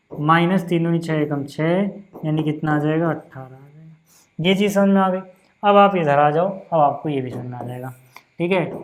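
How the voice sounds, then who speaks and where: A young man teaching a casual maths lesson, patient and chatty, checking in often and slowing down to count out each step. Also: a little high. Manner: slows down to count out steps.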